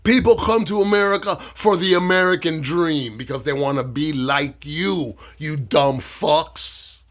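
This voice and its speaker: A man from Miami giving a blunt, mocking, swear-heavy political rant to camera, loose and halting with fillers when he explains himself. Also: on the high side, fairly bright tone. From Miami, Florida. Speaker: political satire vlogger. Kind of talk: profane political rant and monologue.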